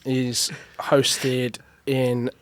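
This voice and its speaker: A man's voice: mid-range voice, monotone, drawn-out words, no room sound. Young man telling a story on a podcast. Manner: chatty, self-amused storyteller. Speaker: podcast co-host. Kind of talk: casual podcast chat, storytelling.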